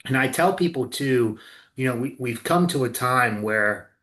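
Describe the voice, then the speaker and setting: A man's voice: mid-range voice, animated, a little slow, a bit bright. A man hosting a casual podcast conversation, blunt and swearing freely about the system. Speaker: co-owner and clinical director, host.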